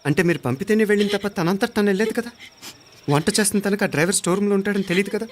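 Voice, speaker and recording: An actor playing the calm young hero of the house, who questions a servant in sharp, commanding lines. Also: male voice, high voice, very fast, a little hiss or hum, close to an everyday voice. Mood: probing. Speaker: son-in-law of the house. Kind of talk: film drama acting.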